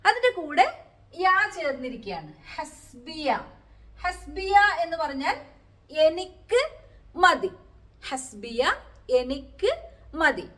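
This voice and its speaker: Woman, teacher, lively pitch, explains word by word, rhetorical questions. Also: slow, pauses often. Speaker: Quran teacher. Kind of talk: Quranic Arabic lesson.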